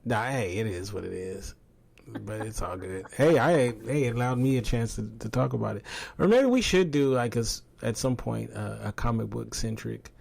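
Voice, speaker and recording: A man's voice: mid-range voice, animated, normal speed, vocal fry, a little mellow. A man co-hosting a casual TV recap podcast in a laid-back, teasing manner, laughing often. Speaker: podcast co-host.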